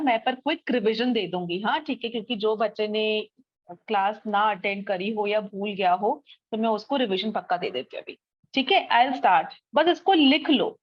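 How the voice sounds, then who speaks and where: A woman's voice: a little high, normal speed. Woman, young, online chemistry lesson, patient step-by-step explaining, frequent check-ins, dull audio. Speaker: chemistry teacher. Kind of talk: online classroom lecture.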